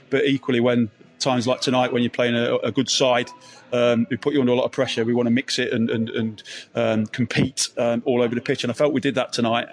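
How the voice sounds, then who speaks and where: A man, a football manager, giving a post-match interview with many hesitant ums and restarts. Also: medium pitch.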